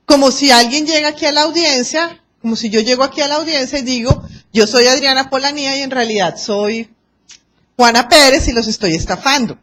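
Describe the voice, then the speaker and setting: A Colombian woman lecturing a class on arbitration, lively and acting out quoted exchanges and anecdotes. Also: sits high, brisk.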